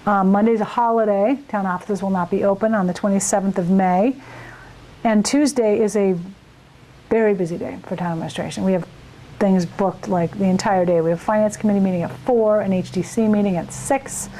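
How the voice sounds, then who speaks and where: A woman's voice: medium pitch, a little fast, mellow, rough recording. Chatty woman town administrator. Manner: casual, plain-spoken and chatty. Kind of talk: local community interview update.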